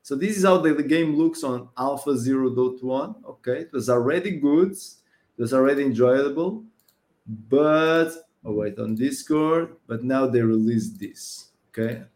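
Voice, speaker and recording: A man's voice: mid-range voice, unhurried, a little mellow. A man co-hosting a gaming podcast, talking casually and with enthusiasm. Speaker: podcast co-host.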